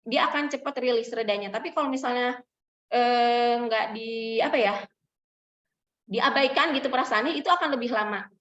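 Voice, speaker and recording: A woman speaking gives a parenting talk in a fairly high voice. She is picked up from some distance in an echoey room. The sound is slightly muffled. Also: moderate pace, fairly bright tone. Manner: explanatory, acts out parent and child quotes. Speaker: child psychologist speaker.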